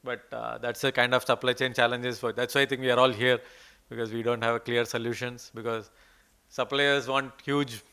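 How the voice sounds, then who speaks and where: In a conference hall, an Indian English-accented man walks through his research slides before fielding questions. He speaks at a normal speed in a mid-range, fairly flat voice that is clean and sharp, with few pauses, yet he hesitates, using many fillers and restarting often.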